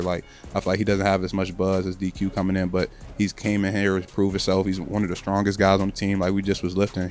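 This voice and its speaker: A young man, a college basketball player, answering interview questions in a casual, slangy, earnest way. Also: deep voice. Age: young adult.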